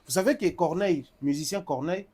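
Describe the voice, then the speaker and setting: Brief: male pundit, insistent and emphatic, voice sitting a bit high. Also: fast, darkish tone, breathy edge. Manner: emphatic, insistent, mixing French and Lingala. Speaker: commentator on a music show. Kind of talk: heated studio debate.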